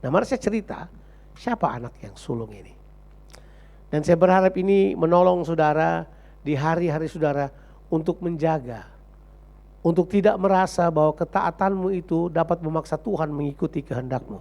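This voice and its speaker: A man preaching a Sunday sermon as pastor, telling a story with animated delivery and acting out the characters. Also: a little high, moderate pace, creaky. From Indonesia. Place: church service.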